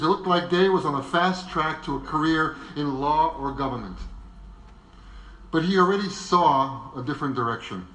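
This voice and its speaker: A man with a slightly high, a bit bright voice presents a semi-scripted biographical narration before a live audience. He keeps it conversational and adds wry asides. The room is echoey.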